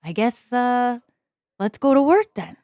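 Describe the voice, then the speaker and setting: A woman's voice: a little high, very animated, unhurried, mellow, no room sound, studio quality. A woman voicing a small loyal male pet animal with a bad leg, in a wry, weary Bronx accent. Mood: resigned.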